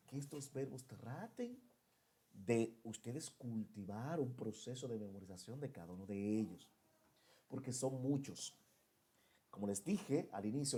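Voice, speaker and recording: This male English teacher has a medium-pitched, slightly rough voice. In a bilingual grammar lesson, he switches between Spanish and English, repeating and translating each rule as he explains it in both languages.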